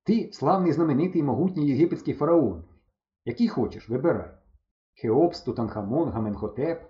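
A man's voice: mid-range voice, expressive, fairly quick, close to an everyday voice. A man reading an audiobook, voicing a bossy, theatrical village boy who declaims pompously. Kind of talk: audiobook character voice. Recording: dull lo-fi recording.

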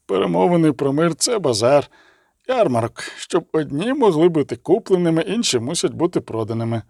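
A man's voice: a little high, big pitch swings, brisk, vocal fry, darkish tone, no room sound, heavily acted. Male reader as a pensive, cynical negotiator in an audiobook; musing delivery, dry recording.

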